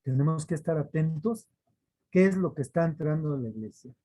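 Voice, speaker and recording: On a rough recording, a man with a fairly high, warm voice preaches a weekly devotional, animated and a little fast. He is earnest, hammers home points by repeating phrases, and sometimes acts out the voices he quotes.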